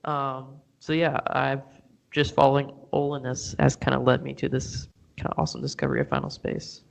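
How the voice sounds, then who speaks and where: A man's voice: medium pitch, brisk, vocal fry. A man being interviewed about his podcast, chatting casually in a rambling, self-deprecating way.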